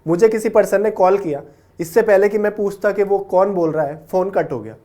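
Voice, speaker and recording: A man's voice: high-pitched, a little fast, warm tone. A young man teaching vocabulary in a classroom lecture, explaining word roots patiently and often checking with "okay?", with English words mixed into his Hindi.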